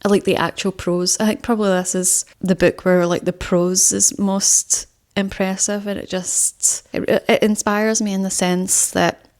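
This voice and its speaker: A woman's voice: medium pitch, little pitch movement, measured pace, few pauses, a little mellow. A young woman chatting casually about favourite books, rambling with many fillers and restarts. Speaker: book vlogger. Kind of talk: casual book talk to camera.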